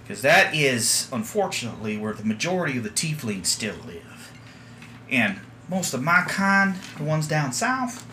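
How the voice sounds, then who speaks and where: A gruff tiefling sea captain, as a man puts him on, drawling in a Southern US accent with a bright, forward edge. He speaks in a measured, grave way. A faint hum of room noise sits behind him. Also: fairly high pitch, heavily acted.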